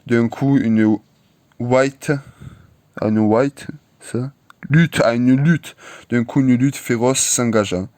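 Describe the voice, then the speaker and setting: Halting comic reader, slow and stumbling, middle pitch. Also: male voice, darkish tone, no room sound. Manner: halting, stumbling over words with restarts. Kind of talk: reading a comic aloud.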